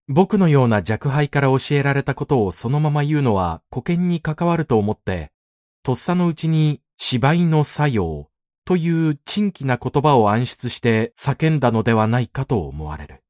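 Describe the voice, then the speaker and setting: Casting: male narrator of a classic novel, measured delivery, lively pitch, dry close mic. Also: dry recording.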